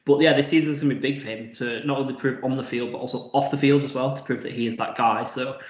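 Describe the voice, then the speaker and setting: A man chatting casually on a sports podcast, quick and full of fillers and restarts. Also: medium pitch, steady tone. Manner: quick, filler-heavy analysis with many restarts. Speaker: podcast guest. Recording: dull roomy lo-fi audio.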